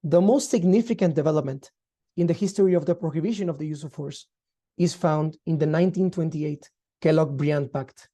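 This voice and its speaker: Very dark-voiced man lecturing. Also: fairly high pitch. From Guatemala. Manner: measured, formal, explanatory. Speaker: law lecturer. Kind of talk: online lecture.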